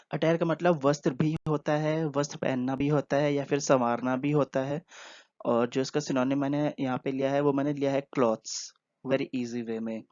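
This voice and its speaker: Relaxed man teaching vocabulary. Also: medium pitch, no room sound. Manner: explains slowly with many pauses and fillers. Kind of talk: casual spoken vocabulary lesson. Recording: dull, dry, lo-fi voice-over.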